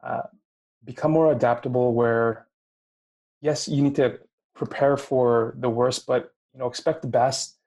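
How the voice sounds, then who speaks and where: Hosting a podcast, this man in his late twenties talks a little slowly in a mid-range, slightly mellow voice with fairly level intonation. His faint Filipino accent comes through as he searches for words in the casual interview, stopping and restarting with lots of fillers.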